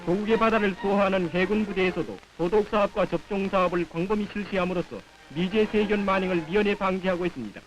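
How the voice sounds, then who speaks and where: A male narrator with a North Korean accent and a notably high voice delivers a 1950s propaganda newsreel script. His delivery is solemn and declamatory, as heard on an old film soundtrack. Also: steady tone, quick pace, few pauses, rough recording.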